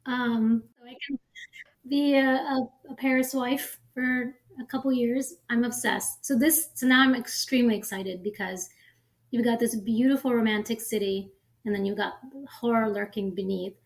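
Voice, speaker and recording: Gravelly-voiced, eager woman co-host. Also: on the high side, steady tone, moderate pace. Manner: enthusiastic, gushing. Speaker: podcast co-host. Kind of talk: casual chat.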